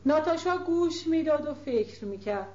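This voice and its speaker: High-voiced woman reading a novel aloud. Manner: steady, measured reading. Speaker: narrator. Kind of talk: audiobook narration of a novel. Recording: roomy, dull lo-fi recording.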